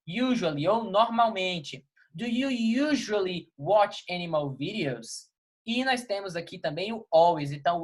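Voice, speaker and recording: Brazilian male teacher, patient explainer, repeats and checks in often, reads examples slowly. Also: high-pitched. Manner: patient, repeats key words and checks in with "ok? tá? beleza?"; reads English example sentences slowly, then translates them. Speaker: English teacher. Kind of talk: recorded classroom lesson.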